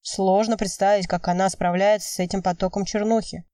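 A woman's voice: medium pitch, fairly even intonation, brisk, warm tone, no room sound, clean studio sound, far from the mic, natural voice. A woman voicing a blunt young man urging his heartbroken friend in an audiobook.

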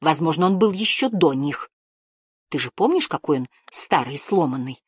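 A woman voicing a calm, reasonable grown man who speaks soothingly. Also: low-pitched, normal speed, slightly rough, dry recording.

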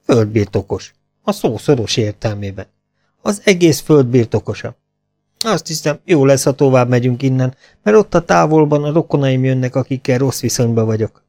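A man playing a cocky young adventurer who stays calm and cracks jokes even under fire. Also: medium pitch, no room sound, soft background music, natural voice. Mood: joking. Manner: wisecracking, unflappable.

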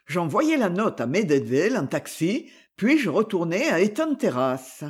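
Homme lisant un livre audio, voix voilée. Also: male voice, high voice, moderate pace, husky. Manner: expressive first-person reading. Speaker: audiobook reader. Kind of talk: scripted narration.

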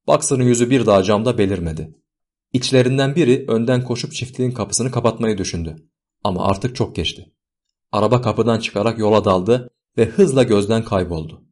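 Male audiobook reader, low-pitched, measured scripted narration. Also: a little mellow.

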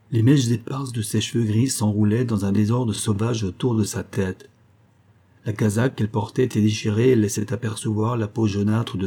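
Husky-voiced man narrating a story. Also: on the low side, dark tone. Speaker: audiobook narrator. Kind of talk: scripted literary narration.

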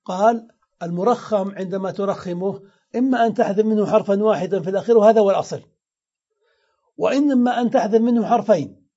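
A high-pitched man teaches a grammar lesson, stopping to repeat each example word aloud as he explains it. His voice is mellow and soft-edged. The lecture recording is dull and lo-fi. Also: fast.

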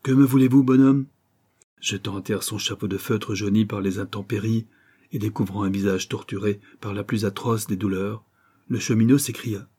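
A man narrating a novel aloud in a measured, dramatic reading. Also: fairly low pitch, little pitch movement, a little mellow, breathy edge. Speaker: audiobook narrator.

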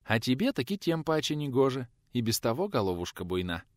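A man voicing a calm wife who speaks softly and soothingly. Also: mid-range voice, brisk, no room sound, studio quality, voice pushed up, natural voice. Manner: soft, soothing, gentle.

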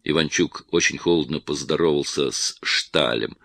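A man reading a historical novel aloud as an audiobook narrator, slow and measured. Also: extremely low pitch, vocal fry, a bit bright, no echo.

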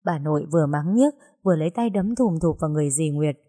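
A woman narrating a story in an even storytelling manner. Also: deep voice, fast talker.

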